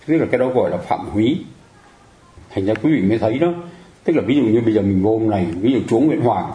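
A man's voice: fairly low pitch, animated, fast talker, warm tone, roomy sound, low-quality recording. A man giving a Buddhist dharma talk in a conversational way, often turning to the audience with questions to check they agree. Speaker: Buddhist teacher.

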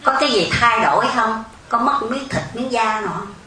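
A woman's voice: on the high side, lively intonation, moderate pace, bright, forceful tone. A woman gives a Zen dharma talk, explaining patiently and asking the audience rhetorical questions. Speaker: Buddhist Zen teacher. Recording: echoey room, faint background hum.

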